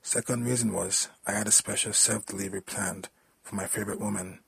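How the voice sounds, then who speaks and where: Gravelly, husky male storyteller. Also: lowish voice, steady tone, brisk, fairly bright tone, no echo, low-quality recording. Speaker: story narrator. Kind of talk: reading a story aloud.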